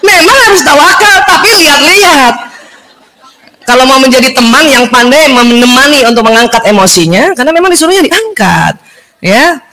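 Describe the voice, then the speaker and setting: A woman giving a lively religious talk to an audience of women, acting out quoted dialogue and laughing often. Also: sits high, moderate pace, rough recording. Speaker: religious lecturer.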